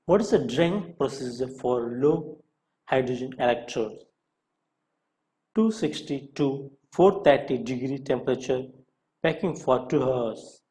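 A man narrates a scripted Q&A lesson as an instructor, deliberately reading every question and its short answer. His medium-pitched voice is expressive, with a dark tone.

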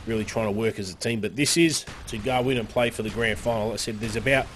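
A man casting a live online game match, upbeat play-by-play with frequent fillers and sudden excited rises. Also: on the low side, quick pace, slight background noise. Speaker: esports caster.

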